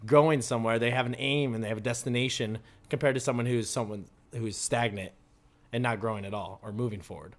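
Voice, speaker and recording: A man's voice: mid-range voice, fairly even intonation, a little fast. A young man chatting at a table at home, thoughtfully posing questions and musing aloud. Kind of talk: casual chat. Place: table in a shared house.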